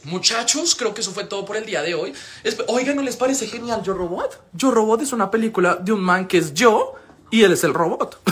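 Young colombian dude on a phone live, bogotá accent, swears a ton, chatty and animated. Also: male voice. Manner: animated, swears a lot, swings into loud high-pitched wails. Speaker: live streamer. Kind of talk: casual livestream chat.

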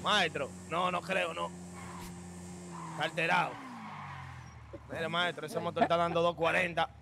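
Man, gravelly, high, urgent warnings, noisy voice chat. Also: level tone, a little slow. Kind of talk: casual game role-play.

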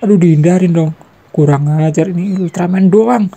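A young adult giving excited gameplay commentary, trash-talking and shouting fight noises. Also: medium pitch, normal speed.

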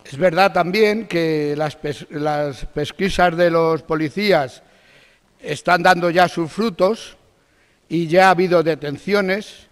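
A man's voice: fairly high pitch, slow pace, clean tone. A man with a Spanish accent from Spain gives a formal, accusatory speech as an opposition spokesman in a district council meeting. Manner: combative, accusatory, rises when attacking. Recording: long reverb of a council hall.

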